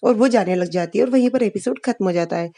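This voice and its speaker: A woman's voice: medium pitch, fast talker, mellow. A woman retelling a TV serial episode in plain storytelling, reading every line of dialogue in her own voice. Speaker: TV serial recap narrator.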